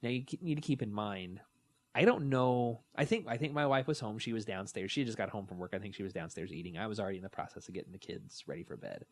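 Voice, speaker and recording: Lower-voiced man telling animated stories. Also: fast. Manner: animated storytelling, acts out quotes. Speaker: podcast co-host. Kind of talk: casual chat.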